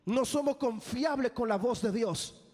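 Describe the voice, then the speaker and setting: A young man preaching an impassioned sermon, at times lifting into sung, shouted phrases. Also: very high voice, measured pace, soft background music. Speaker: evangelist preacher. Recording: long church hall reverb.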